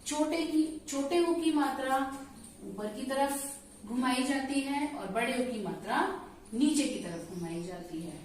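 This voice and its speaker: Female teacher, higher voice, slow and patient classroom delivery, distant mic with heavy room echo. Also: expressive, slight background noise. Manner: slow, patient explaining with questions to pupils. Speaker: school teacher. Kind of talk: classroom lesson. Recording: very echoey room, voice from far off.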